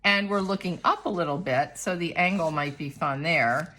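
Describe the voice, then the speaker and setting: A woman's voice: on the low side, normal speed, sharp tone. A middle-aged woman, an art teacher, explaining a drawing lesson in a chatty, demonstrative way.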